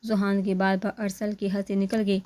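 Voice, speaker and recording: A woman reading a romance novel aloud at a steady, even pace. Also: mid-range voice, normal speed. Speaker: narrator.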